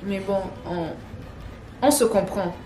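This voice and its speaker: A woman's voice: medium pitch, slow pace, mellow. A young woman tells a story to her viewers in a casual way. She repeats phrases and drops slangy asides. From Gabon. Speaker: online content creator. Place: home with children playing nearby. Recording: echoey room with faint background noise.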